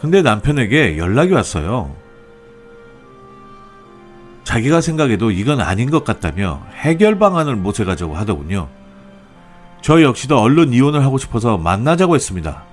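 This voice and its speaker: A man narrating a first-person story in an expressive, lively storytelling manner. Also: mid-range voice, normal speed, pauses often, soft background music.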